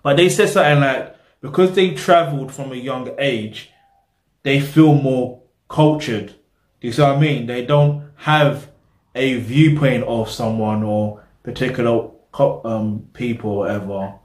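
A man's voice: medium pitch, steady tone, unhurried, a little mellow. A young man, hosting a reaction video, talking casually to the camera in a small room, rambling and losing his train of thought. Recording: roomy echo.

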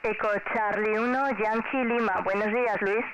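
A woman from Galicia, Spain, with a Spanish accent from Spain speaks in a mid-range voice at normal speed with fairly even intonation. She's an amateur radio operator chatting courteously and at length during a ham radio contact, trading callsigns in a friendly way. The shortwave reception is noisy and dull.

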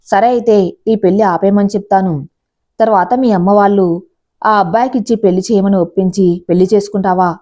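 Brief: woman reads bitter young fiancé, sarcastic and scolding, mellow-toned storybook read. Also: mid-range voice, steady tone, quick pace, natural voice. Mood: angry, sarcastic. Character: angry jealous young man, the fiancé uncle.

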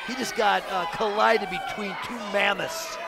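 A man's voice: high voice, fairly even intonation, a little slow, vocal fry. A man giving emphatic, conversational color commentary as a wrestling commentator, often repeating his phrases. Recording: loud crowd and noise in hall.

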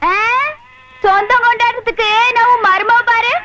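A shrill, fierce old village crone. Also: female voice, fairly even intonation, normal speed, lo-fi sound. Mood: scolding. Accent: Kongu Tamil. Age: older. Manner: shrill threatening scolding. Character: fierce old village woman, quarrelsome, snaggle-toothed. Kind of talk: film comedy dialogue. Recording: loud hiss on an old film soundtrack.

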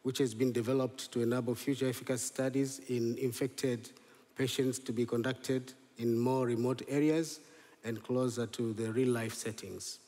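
A man's voice: medium pitch, little pitch movement, normal speed, warm tone. Hesitant man presenting in a reverberant hall. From Tanzania. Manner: hesitant, many fillers and restarts. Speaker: conference presenter. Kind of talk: scientific conference talk. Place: large lecture hall, standing on stage.

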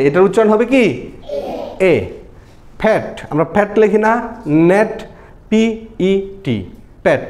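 A man with a Bangladeshi Bengali accent teaching a phonics lesson, asking his pupils questions and repeating each sound slowly. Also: high-pitched, a little mellow.

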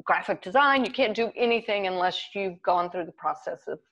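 A woman artist answering interview questions in a measured, conversational way, with small laughs. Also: medium pitch, fairly bright tone, lo-fi sound.

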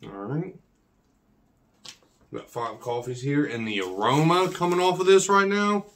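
An animated man in his thirties with a fairly high pitch reviews coffee, keeping a measured pace through a casual, slangy unboxing where he repeats himself a lot. A whistling s marks his speech, and clicks and background noise are plainly heard.

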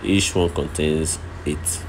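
Walking through his workshop and an outdoor street site with his phone held as he films, a low-voiced oven maker from Nigeria shows off his work. He talks slowly with fairly even intonation, going step by step and saying things twice over heavy background noise.

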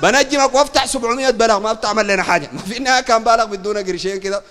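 A man with a Sudanese Arabic accent preaches in a heated polemical lecture, his voice pitched unusually high and rushing along. He argues fiercely and keeps pressing his listeners to confirm they follow. A long hall reverb trails after his words. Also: a bit bright. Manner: fiery, keeps asking "understand?", raises his voice. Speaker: sheikh.

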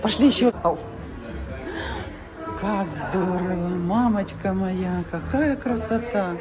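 Touring a cruise ship with a handheld camera, an older woman narrates a relaxed vlog as she strolls through a vast indoor atrium and shopping halls. She speaks slowly in a mid-range voice yet gushes constantly, exclaiming with excitement at every sight, while music and the crowd's chatter surround her.

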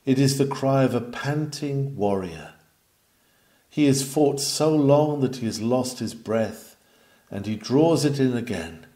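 A man with a warm, medium-pitched, animated voice reads an old sermon aloud at a measured pace. Like a preacher, he builds dramatically, swelling with emphasis toward the climactic lines.

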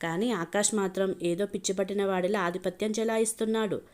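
A woman's voice: medium pitch, fairly even intonation, brisk, darkish tone. Woman narrating a dramatic storybook.

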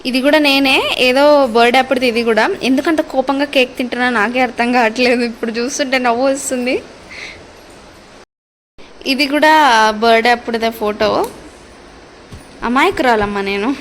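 A woman's voice: on the high side, steady tone, brisk, a little hiss or hum. A young adult woman chatting casually in a family vlog, reminiscing with playful asides. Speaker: family vlogger.

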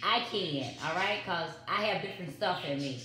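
Low-ish, bright, and forceful, her voice moves at a moderate pace as she vlogs chattily from her home kitchen, repeating catchphrases for viewers. The casual cooking vlog is picked up by a phone mic on the counter in an echoey room.

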